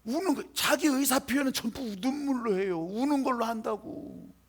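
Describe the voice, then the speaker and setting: A male pastor preaching an emotional sermon, swinging between loud exhortation and hushed, quiet passages. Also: very high-pitched, moderate pace. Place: church sanctuary.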